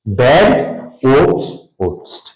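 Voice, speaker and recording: A man's voice: medium pitch, very animated, takes it slowly. A male teacher, quizzing his students through a grammar lesson and drilling spellings aloud. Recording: roomy echo.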